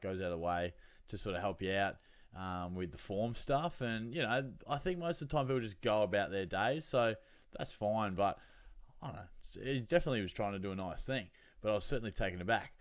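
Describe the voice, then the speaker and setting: Aussie bloke doing a casual footy fantasy show, lowish voice, very dry sound, lots of laddish slang. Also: male voice, lively intonation, fairly quick, fairly bright tone, dry recording. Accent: Australian. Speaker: fantasy football show host. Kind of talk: casual solo chat with anecdotes.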